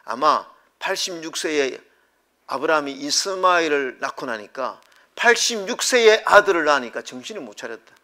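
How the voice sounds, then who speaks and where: A pastor delivering a Sunday sermon in a church, swinging from loud impassioned cries to hushed whispers. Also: male voice, on the high side, animated, normal speed. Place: church sanctuary.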